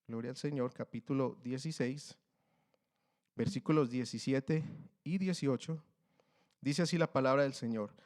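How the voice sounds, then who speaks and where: A man's voice: mid-range voice, normal speed, long pauses, a little mellow. Male church preacher, earnest, hesitant delivery with restarts, rises when reading scripture. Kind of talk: sermon with Bible reading.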